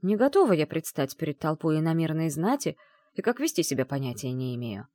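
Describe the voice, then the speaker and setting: A woman's voice: low-pitched, very animated, brisk, dark tone, no room sound, clean studio sound. A woman voicing a feisty young bride from another world, whiny and exclaiming. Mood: anxious pleading.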